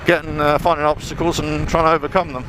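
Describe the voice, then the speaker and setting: A man's voice: a little high, flat delivery, fast talker. A man giving casual, rambling commentary while riding a motorbike outdoors, speaking from inside a helmet. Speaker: motorbike vlogger. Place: outdoors on a motorbike on a country trail. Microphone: helmet-mounted mic. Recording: engine and wind noise outdoors.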